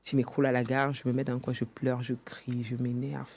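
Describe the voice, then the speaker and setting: Fast-talking woman telling her story. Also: extremely low pitch, flat delivery, a little mellow, breathy edge. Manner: earnest, acts out past dialogue. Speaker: guest author. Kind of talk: personal storytelling in interview. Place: podcast studio set.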